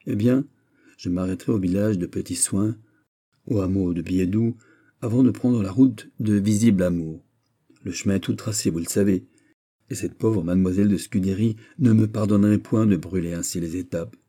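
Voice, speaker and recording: A man's voice: sits low, normal speed, mellow. A man voicing a young king who banters gallantly in an audiobook reading. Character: playful, lovestruck young king.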